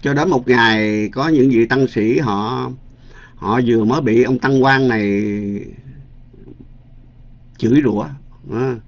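Speaking slowly with long pauses, a man with a mid-range voice, a Buddhist monk teacher, relates a story in a dharma talk. He's chatty and leans on fillers and repetition. The recording is dull and lo-fi.

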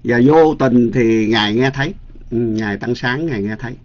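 Monk telling a dharma story. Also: male voice, mid-range voice, normal speed. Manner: chatty storytelling with many fillers and repeated words. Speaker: Buddhist monk teacher. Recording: dull lo-fi recording.

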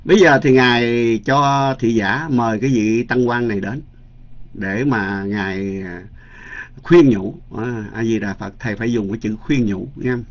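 Monk telling a dharma story. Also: male voice, mid-range voice, a bit bright. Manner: chatty storytelling with many fillers and repeated words. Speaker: Buddhist monk teacher. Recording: dull lo-fi recording.

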